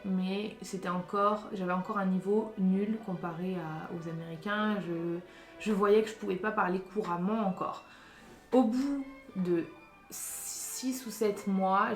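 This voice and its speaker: A young woman from France talks in a chatty, emphatic vlog style, speaking directly to her audience at a medium pitch. Her voice bounces around a roomy, echoey space. Faint music plays underneath. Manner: chatty and emphatic, giving advice directly to viewers. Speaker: vlogger. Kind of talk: casual vlog chat.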